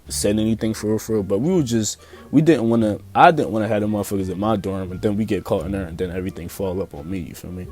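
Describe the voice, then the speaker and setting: A young man with a Philadelphia accent tells a casual storytime on his vlog, loose, profane and heavy with slang, full of fillers and restarts. His voice sits on the low side with a warm tone.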